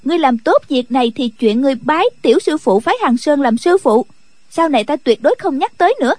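A man's voice: very high-pitched, expressive, fast, darkish tone, no room sound, pitched above the performer's own voice. A man voicing a mischievous young girl who teases and bosses others around in an audiobook. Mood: teasing. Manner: cheeky, giggling, bossy. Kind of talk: audiobook character voice.

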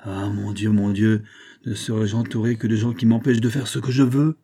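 A man's voice: lowish voice, level tone, brisk. A man doing a furious young king. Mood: exasperated. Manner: shouting, commanding.

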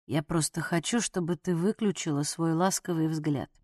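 A woman voicing a wounded, gruff young man. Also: sits low, moderate pace, mellow, no room sound, voice pushed down. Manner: strained, muttered, dry mocking.

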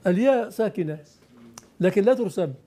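High-voiced male teacher quizzing his class. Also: animated, mellow. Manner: quizzes students, then explains firmly, reciting verse slowly. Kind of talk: classroom lecture on classical poetry.

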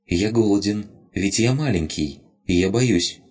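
A man's voice: lowish voice, lively intonation, measured pace, slightly rough, voice pushed up. A man voicing a tiny, frightened male creature that lives in a crystal, talking in broken, childlike short phrases.

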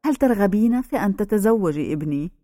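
A woman voicing an aging male village pastor who speaks slowly and solemnly. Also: mid-range voice, animated, mellow, no echo, studio quality, natural voice. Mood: grave.

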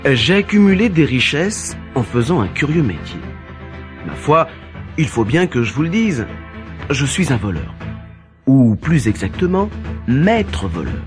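A bold young gentleman thief, acted by a man, speaks with boastful, lively delivery over storybook music. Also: mid-range voice. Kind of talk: storybook dialogue.

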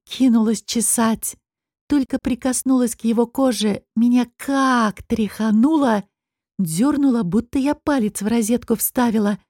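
A woman narrating a first-person fantasy audiobook in an expressive, wry storytelling manner, close to the mic. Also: a little high, no room sound.

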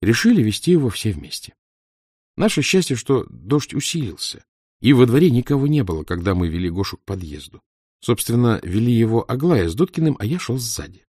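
A man's voice: medium pitch, very animated, a little fast, darkish tone, husky, dry recording, clean studio sound. A man narrating a children's story for an audiobook, reading it expressively.

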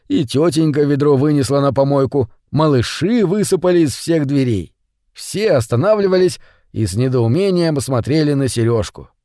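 Выразительный мужской голос рассказчика. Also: male voice, on the high side, no room sound, clean studio sound. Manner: expressive storytelling. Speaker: narrator. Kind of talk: children's story audiobook reading.

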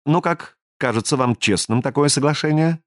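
A man voicing a businesslike alien stranger in an audiobook, speaking in a measured, persuasive and authoritative way. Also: a little high, no room sound, clean studio sound, pitched above the performer's own voice, lightly acted. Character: smooth, businesslike male alien stranger, commanding. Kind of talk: audiobook character reading.

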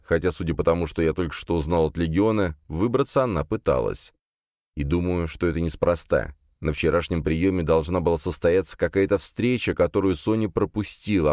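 A man reading a novel in the first person, wry and even in manner. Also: deep voice, no room sound. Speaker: audiobook narrator. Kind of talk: first-person scripted narration. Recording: dry, slightly dull studio sound.

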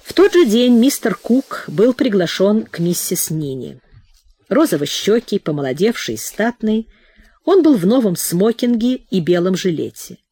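Lively woman narrating an audiobook. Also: medium pitch, moderate pace, slightly rough, no echo. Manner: expressive storytelling. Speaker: audiobook reader.

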